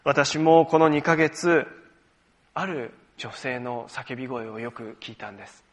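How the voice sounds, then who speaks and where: A pastor preaching a sermon, explaining scripture step by step and leading the congregation in reading it aloud, with touches of gentle self-deprecating humor. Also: male voice, mid-range voice, level tone, unhurried.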